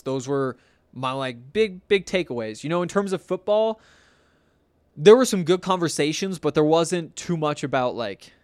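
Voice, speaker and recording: An American man hosting a sports podcast, talking casually and haltingly as he thinks aloud and works through sponsor reads. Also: mid-range voice, dry recording. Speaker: sports podcast host reading sponsor spots. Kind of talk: casual talk with semi-improvised ad reads.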